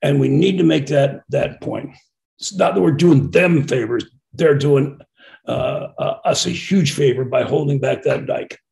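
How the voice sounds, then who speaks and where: A man's voice: medium pitch, measured pace, vocal fry, darkish tone. A man speaking on a webinar panel, blunt and opinionated, with many stammered restarts. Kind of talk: policy discussion.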